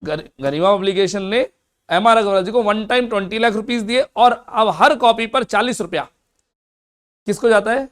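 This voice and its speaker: A man teaching accounts in a fast classroom lecture, asking and answering his own questions. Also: high-pitched.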